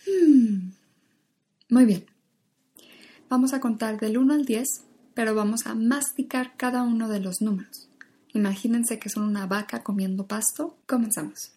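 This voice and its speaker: A woman, an acting teacher leading a guided vocal warm-up, patiently drilling exaggerated syllables. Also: fairly high pitch, unhurried, husky.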